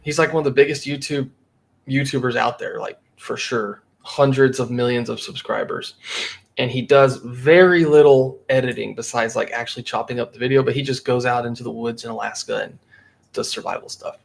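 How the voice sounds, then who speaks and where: A man talking casually as a guest on a podcast, lively and acting out what customers would say. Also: mid-range voice, a little fast, vocal fry. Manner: animated, acts out quoted customers. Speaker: marketing agency guest.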